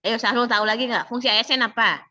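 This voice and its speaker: A woman instructor coaching an online class, slightly hoarse, chatty, and quizzing students by name. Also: on the high side, quick pace, pushed and bright, no room sound, muffled recording. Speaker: civil service training instructor.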